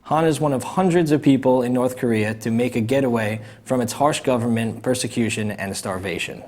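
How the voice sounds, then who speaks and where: A man's voice: mid-range voice, brisk, darkish tone, slight background noise. Hesitant young man co-hosting a chat show. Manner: hesitant, restarts often, chuckles. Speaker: co-host. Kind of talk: casual chat show banter.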